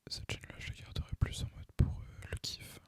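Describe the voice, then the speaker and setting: In a gaming ASMR video, a young French man keeps up an intense, breathy whisper with no voicing at all. He talks a little quickly, drifting through laid-back, slang-filled, halting chatter while he plays.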